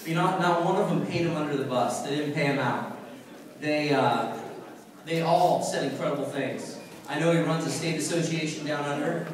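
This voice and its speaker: A man's voice: a little high, normal speed. A man introducing the next speaker on stage at a conference, teasing and loose, laughing at his own jokes. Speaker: event emcee. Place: large conference hall with audience. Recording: echoey hall, voice from far off.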